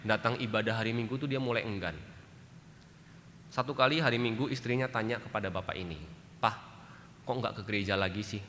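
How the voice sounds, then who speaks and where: Male pastor, bright voice, storytelling sermon, church hall reverb, faint ambience. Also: mid-range voice, a little hiss or hum. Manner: animated storyteller, acting out voices of the couple. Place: church sanctuary.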